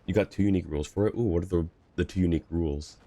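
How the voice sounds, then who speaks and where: An easygoing livestreamer with a low, warm voice talks very fast, chatting casually as he reacts to a game and to his viewers.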